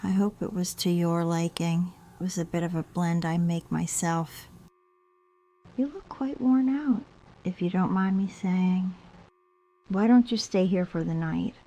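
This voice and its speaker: A woman playing a polite, formal, softly insistent host of a secluded house in a scripted drama. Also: on the low side, a little slow, low-quality recording. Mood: courteous, inviting.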